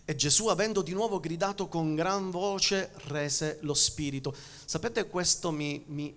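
A male pastor with a Sicilian Italian accent, preaching a sermon, swinging from loud emphasis to hushed near-whispers and often restarting his words. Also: a little high, creaky.

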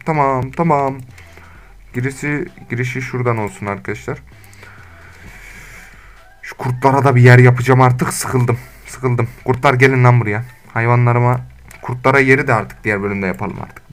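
A man's voice: mid-range voice, fairly bright tone. Young male gamer, casual, chatty, scolding tone, faint music and key clicks behind. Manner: chatty, scolding the animals, slangy. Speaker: gaming YouTuber. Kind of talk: casual Minecraft let's play commentary. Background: faint game music and keyboard typing.

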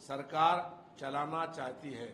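An older man, a party spokesman, giving an emphatic, measured political statement into a handheld press mic indoors. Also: on the high side, steady tone, pushed and bright. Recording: echoey room with faint noise.

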